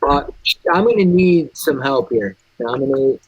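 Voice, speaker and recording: A man's voice: mid-range voice, expressive, unhurried, dull audio. A man playing a tabletop game, talking casually and thinking aloud through the rules.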